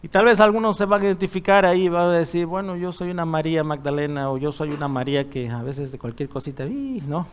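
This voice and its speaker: A man preaches in church, his voice raised and smooth. He talks with his congregation rather than at them, checking in with them through frequent rhetorical questions. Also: on the high side, fairly even intonation, fast, few pauses. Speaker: pastor. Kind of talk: sermon.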